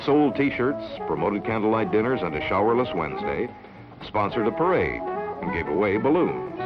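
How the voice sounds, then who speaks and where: A man narrating an old newsreel in a measured, formal announcing manner. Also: fairly low pitch, very animated, loud music behind the voice, poor audio.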